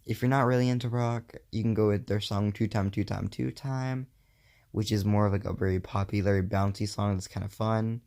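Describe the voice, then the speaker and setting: A man's voice: fairly low pitch, fairly even intonation, moderate pace, creaky, a little mellow. A young man hosting a casual solo podcast, rambling and correcting himself with lots of fillers. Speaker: podcast host.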